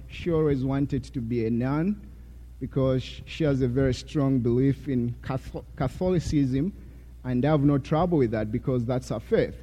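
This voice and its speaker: A young man from Zambia, a graduating student, giving a chapel testimony with a warm, self-deprecating manner and frequent fillers. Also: medium pitch. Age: young adult. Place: college chapel. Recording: hall with long reverb.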